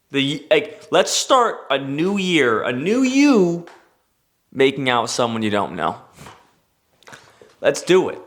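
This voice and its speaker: A young man hosting a comedy show, ranting in a stand-up style monologue, cursing freely and slipping into mock voices. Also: a little high. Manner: animated, swearing, jumps into mock voices.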